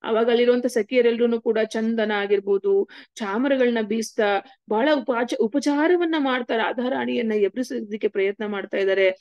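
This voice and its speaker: Expressive high-voiced woman telling devotional stories. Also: no echo. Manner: expressive, mixes in English words, chants verses slowly. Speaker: devotional speaker. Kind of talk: devotional storytelling talk. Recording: dull, lo-fi dry recording.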